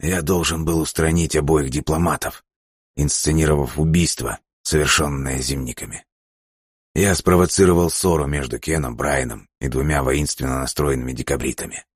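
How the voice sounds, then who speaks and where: A male audiobook narrator voicing a broken prisoner who speaks in a quiet, bitter way. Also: a bass voice, steady tone, moderate pace, slightly rough, dry recording, studio quality. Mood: subdued.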